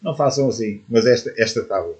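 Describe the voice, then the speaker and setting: A man with a European Portuguese accent commenting casually as a reaction video host, relaxed and explaining. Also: medium pitch, quick pace, background noise. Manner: relaxed, explaining and giving advice.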